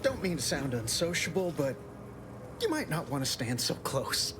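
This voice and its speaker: A man's voice: on the high side, sing-song, moderate pace, over music. An actor playing a wounded, polite, folksy man in pain in a video game. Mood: pained, sociable. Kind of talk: scripted video game dialogue. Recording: clear background ambience noise.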